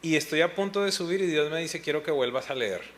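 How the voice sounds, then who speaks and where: The speaker, a middle-aged pastor, talks at a quick pace in a slightly high, fairly bright voice. Giving a testimony on a pastors' panel, he tells a personal story with feeling and now and then recalls moments he cried.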